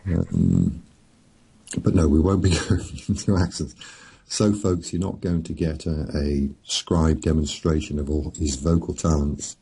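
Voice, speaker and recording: Deep gravelly middle-aged guy, slow rambling chat, husky dark tone. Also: fairly even intonation, low-quality recording. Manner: slow, rambling, chuckling storyteller. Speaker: author and podcast guest. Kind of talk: casual chat.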